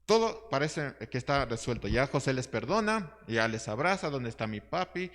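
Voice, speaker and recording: A man leads a Bible study sermon, reading passages aloud and stopping to ask his listeners questions. His voice sits at an ordinary pitch. The sound carries a long reverb from a large hall. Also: very animated, moderate pace, a bit bright. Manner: reads scripture aloud and asks the class questions. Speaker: Bible teacher.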